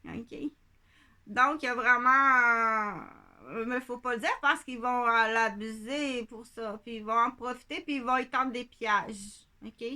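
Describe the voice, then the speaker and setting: A woman's voice: on the high side, steady tone, measured pace, pushed and bright. A woman with a Quebec French accent, talking in a rambling monologue that drifts between points, repeats phrases and keeps checking in with her listeners. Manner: digressive, repeats herself, asks "ok?" often.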